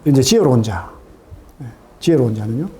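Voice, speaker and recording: A middle-aged man preaching a sermon in a church, animated, asking his congregation questions and acting out quoted voices. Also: mid-range voice, a little fast. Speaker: pastor. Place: church sanctuary.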